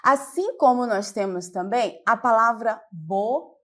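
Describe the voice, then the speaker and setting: A woman's voice: a little high, a bit bright. A woman teacher with a Brazilian Portuguese accent gives a televised classroom lesson, explaining step by step and often checking that her students follow. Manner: slow and patient, explains step by step with check-ins.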